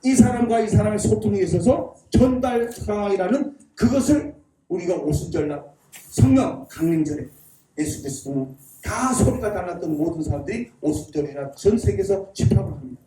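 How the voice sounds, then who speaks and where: A man's voice: high-pitched, animated, a little fast, dark tone. A man giving a public lecture at a church, drilling his audience in call-and-response and chuckling as he talks. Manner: folksy, chuckling delivery. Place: church hall. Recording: echoey hall, mic at a distance.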